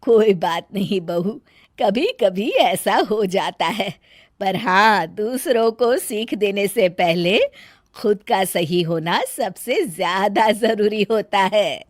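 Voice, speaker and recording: A woman voicing a calm, wise middle-aged mother-in-law in a cartoon, gently admonishing. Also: mid-range voice, slow pace, dry recording, studio quality.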